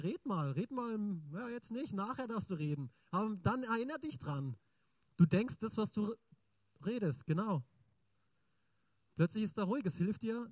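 A male preacher with a fairly high voice, giving a sermon in a chatty, lively way. He keeps turning to the congregation with questions. The sound is dry and close. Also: no echo.

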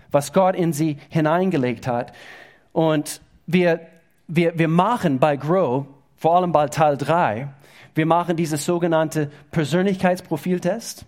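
Male pastor, sermon, fairly high voice, stops and repeats words. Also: a little mellow. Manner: halting, repeats words, informal slightly unidiomatic German.

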